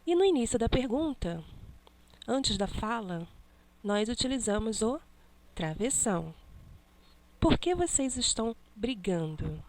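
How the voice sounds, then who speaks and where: A woman teacher slowly correcting a classroom exercise, stressing each punctuation mark she names. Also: fairly high pitch, darkish tone.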